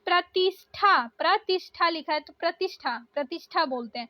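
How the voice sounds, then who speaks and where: High-voiced woman teaching spelling. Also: moderate pace, bright, forceful tone, no echo. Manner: explains step by step, repeating each word. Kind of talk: exam-prep Hindi spelling lesson. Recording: dull, slightly lo-fi.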